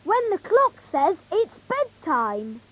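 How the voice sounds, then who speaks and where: A woman's voice: very high voice, sing-song, slow pace, fairly bright tone, full character voice, rough recording. A woman voicing a cheerful, proud young elf boy in a children's cartoon, earnest and childlike. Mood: proud, chirpy.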